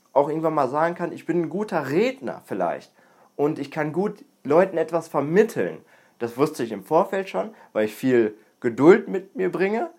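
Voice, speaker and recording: A man's voice: a little high, a little mellow, breathy edge. A young man hosting a podcast, talking in a casual, earnest monologue and repeating words for emphasis. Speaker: podcast host. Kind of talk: casual self-improvement monologue.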